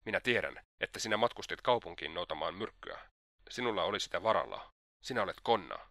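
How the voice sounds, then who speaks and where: A man's voice: low voice, animated, creaky, sharp tone, no room sound, studio quality, heavily acted. A man voicing a furious young woman who fiercely accuses her attacker in a storybook reading.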